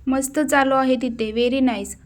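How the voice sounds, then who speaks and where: A woman voicing a cheerful middle-aged businessman father, relaxed and good-humoured. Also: high voice, normal speed, lightly acted.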